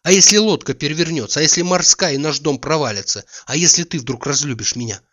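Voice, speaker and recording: A man's voice: fairly high pitch, fast, a bit bright, voice pushed up. A man putting on a teasing carefree young woman. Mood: playful. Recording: dull lo-fi recording.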